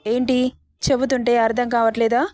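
A woman reading the lines of an angry young husband who scolds and shouts, without changing her own voice much. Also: a little high, flat delivery, moderate pace, dry recording, clean studio sound, soft background music, close to an everyday voice. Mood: harsh. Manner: shouting, scornful.

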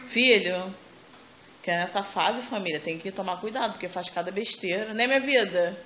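A mother with a Brazilian Portuguese accent chats through a home vlog on her phone, often calling to her viewers as family and cooing at her baby. Her voice is very bright at a middle pitch, with faint room ambience behind. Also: moderate pace, a little hiss or hum.

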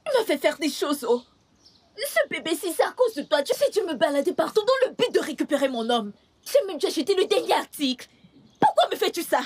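A woman's voice: very high-pitched, sing-song, a little fast. A young woman dubbing a headstrong village woman who argues defiantly and clings to a lover, in a French film dub. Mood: possessive. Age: young adult. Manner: defiant, insistent. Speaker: dubbing actor.

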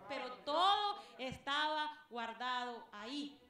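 A high, bright-voiced woman from Guatemala gives a fervent testimony to her congregation. She calls out to them as beloved brethren. Her voice rings through a very echoey church hall. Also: animated, slow. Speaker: church member giving testimony.

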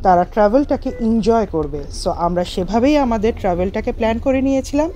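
Speaking quickly in an animated, fairly high voice with a dark tone, a Bengali-accented woman in her thirties narrates her road trip from a moving car, chatting directly to her viewers in casual travel vlog style. There's slight background noise.

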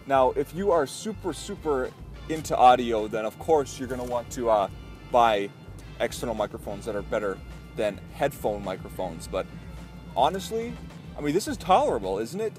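A man's voice: mid-range voice, lively intonation, normal speed, darkish tone, faint music behind. A young man talking casually to camera in a vlog, chatty and enthusiastic, with lots of fillers. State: out of breath. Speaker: vlogger. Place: echoey basement; outdoors by a stream. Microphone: headphone mic into GoPro; handheld lavalier clip mic.

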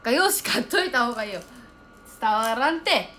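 A young woman chatting casually on a livestream, reading viewer comments aloud and thinking out loud as she reacts. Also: a little high, animated, normal speed, slight background noise.

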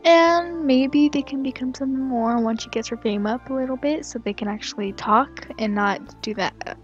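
A woman narrating her gameplay in a casual, giggly and excitable way. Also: high-pitched, moderate pace, muffled recording, faint music behind. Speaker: gaming vlogger.

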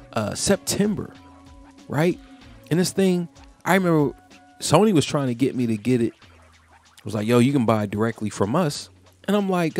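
A man's voice: on the low side, vocal fry, darkish tone. A man reviewing a gaming headset in a casual vlog, telling a rambling, slangy story with lots of fillers. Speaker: tech product reviewer.

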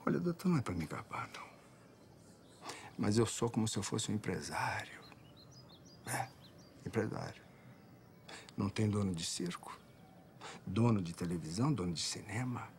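A man's voice: lowish voice, big pitch swings, normal speed, long pauses, a little mellow, a little hiss or hum. A man acting a scornful, self-righteous brothel owner in a film drama, talking with swagger and threat. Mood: boastful.

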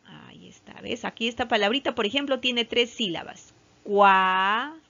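A woman's voice: a little high, creaky, pushed and bright, dull audio. A woman teacher with a Peruvian Spanish accent, giving a patient online lesson to young children and often checking in with "¿ya?". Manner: slow, patient, with frequent "¿ya?" check-ins. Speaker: primary school teacher.

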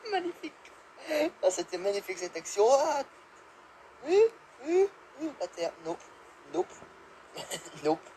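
A young man giving live gameplay commentary, excitable, yelping and laughing, swearing and dropping English exclamations. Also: very high-pitched, drawn-out words, vocal fry, long pauses, a little hiss or hum, poor audio. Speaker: gamer.

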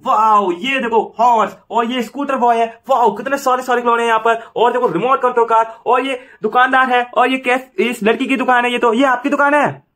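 Man, toy play narration for kids, excited exclamations, quick, bright tense voice. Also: extremely high pitch. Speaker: toy video host.

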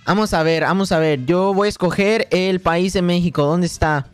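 A man's voice: high voice, normal speed, clean tone, no echo, soft background music. A young man with a Mexican accent, livestreaming a game in a boastful, joking way, swearing constantly. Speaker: streamer. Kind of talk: casual gaming livestream.

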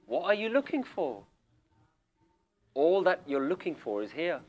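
Guy teaching spirituality to a room full of people, slightly high voice, keeps throwing questions. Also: sing-song, measured pace, dull audio. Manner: questioning, emphatic, rhetorical. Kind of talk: spiritual talk to a seated group. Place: room with a small audience.

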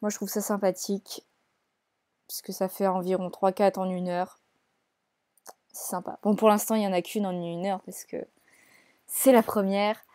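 A woman's voice: mid-range voice, dark tone, no echo. A young woman hosting a let's play, chatting casually and teasing the characters she plays, with frequent hesitations. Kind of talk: casual gameplay commentary.

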